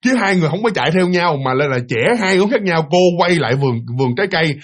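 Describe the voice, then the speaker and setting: A man's voice: high voice, expressive, rapid-fire. A man with a Southern Vietnamese accent telling a ghost story in a chatty, repetitive way with asides to the listener. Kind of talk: casual spoken ghost story.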